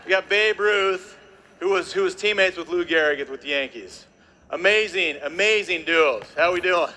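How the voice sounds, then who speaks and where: On stage before a live audience, a man gives an energetic, jokey presentation, working the crowd with constant tag questions. His voice is high and his speed normal.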